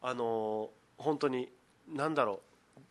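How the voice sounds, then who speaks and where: A man hosting a radio show, chatting casually and nodding along. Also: medium pitch. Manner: quick, agreeable, lots of short backchannels. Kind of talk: casual chat.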